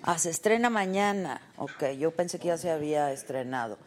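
A woman's voice: low-pitched, expressive, moderate pace, a little hiss or hum. A middle-aged woman with a Mexican accent, chatty and playful, hosting a live talk show. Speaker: host.

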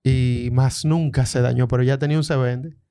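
A man's voice: mid-range voice, steady tone, moderate pace, dark tone, clean tone. A young man with a Dominican accent casually telling a story to friends, full of street slang.

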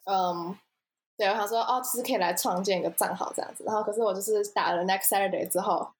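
A woman's voice: medium pitch, steady tone, quick pace. A young woman, co-hosting a podcast, talking in a rambling, hesitant way with many restarts. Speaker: podcast co-host, social media manager. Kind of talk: casual chat.

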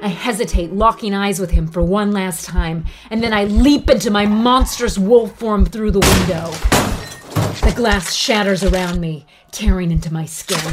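A woman's voice: mid-range voice, close to an everyday voice. A woman playing a teenage girl turning into a raging werewolf, narrating a horror audio drama in first person with intense, swearing dread. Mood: fierce.

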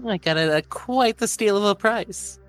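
Whiny, nasal old grandpa. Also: male voice, high-pitched, normal speed, fairly bright tone, soft background music, pitched above the performer's own voice. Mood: sly. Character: wheedling, touchy old grandfather, dealer in shady goods. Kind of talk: tabletop role-play.

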